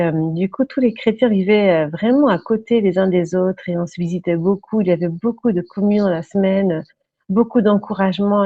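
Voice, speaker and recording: This interview guest is a French-speaking woman from Brittany, in her thirties, with a lowish voice. She tells her story sincerely and thoughtfully in relaxed conversation, frequently halting while she hunts for words. The audio sounds muffled and low-fidelity, close-miked and dry, without echo.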